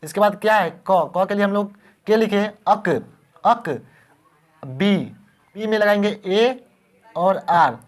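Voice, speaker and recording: A man's voice: high-pitched, a little slow. A man teaching beginners how to spell words, patiently repeating each word and asking the class questions.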